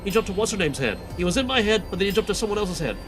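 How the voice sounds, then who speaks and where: A man's voice: sits high, animated, rapid-fire, music in the background. A man giving casual game commentary as he plays and reads quest dialogue aloud.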